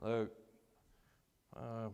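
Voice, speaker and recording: A man's voice: fairly low pitch, monotone, very slow, vocal fry, darkish tone, clean tone, muffled recording. Man telling stories in echoing hall. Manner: conversational, self-deprecating humor. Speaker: veteran guest speaker. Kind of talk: personal storytelling speech. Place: school assembly hall. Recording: long hall reverb.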